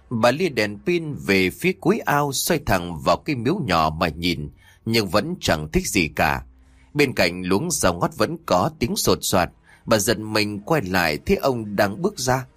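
Male horror audiobook narrator, lively intonation. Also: lowish voice, dry recording. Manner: expressive storytelling.

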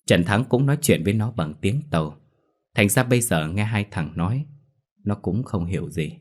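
A man narrating a horror story in a steady, measured storytelling manner. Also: lowish voice.

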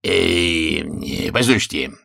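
A man's voice: low voice, extremely slow, vocal fry, fairly bright tone, husky, full character voice. A man voicing a pompous head of a family who declaims grandly. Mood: grandiose.

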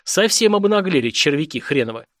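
A man's voice: a little high, sing-song, a little fast, fairly bright tone, no room sound. Contemptuous, coarse guard chief, as a man reads him, sneering and bullying, voice raised, dry close sound.

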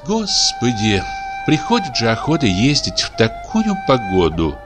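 A man voicing a calm, sharp-tongued village wife who speaks quietly and with scorn. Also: mid-range voice, unhurried, over music, pitched above the performer's own voice.

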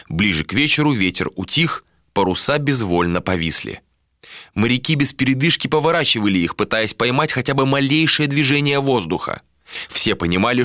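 A male narrator reads an adventure audiobook in a measured, expressive way. His voice sits fairly low but sounds bright and forward, with a lively melody. The recording is close and dry. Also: dry recording.

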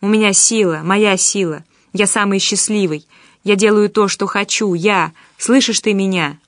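A woman voicing Pavel, a bitter and desperate young man who swings between shouting and pleading, in an audiobook. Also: mid-range voice, normal speed, no room sound, clean studio sound, natural voice. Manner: volatile, shouting and pleading in turns. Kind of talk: audiobook character voice.

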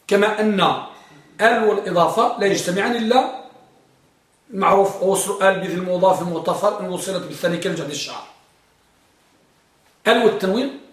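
Guy teaching grammar in class, high voice, keeps quizzing students and drawing out examples, sounds far off. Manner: quizzes students, repeats examples slowly with emphasis. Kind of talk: classroom lesson. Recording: echoey room from far off.

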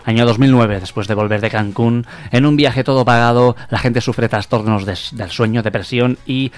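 A man's voice: medium pitch, steady tone, moderate pace, faint music behind. A man reading comic sketches on a radio humor show, dry and crude. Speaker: radio comedy host.

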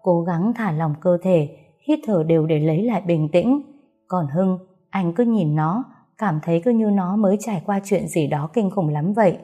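A woman reads an audiobook in a low, mellow voice. Her storytelling is steady and even, with faint music underneath. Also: normal speed. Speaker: audiobook narrator. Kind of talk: scripted story narration.

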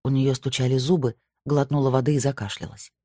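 Warm, husky audiobook narrator. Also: mid-range voice, little pitch movement, a little fast, dry recording, clean studio sound. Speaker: audiobook reader.

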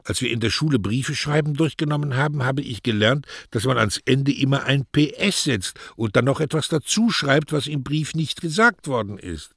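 A man voicing an eager, naive young postman in an audiobook reading, talking high and loud with excitement. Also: normal speed, gravelly, hardly any pauses, husky, no room sound, studio quality, exaggerated voice. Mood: puzzled.

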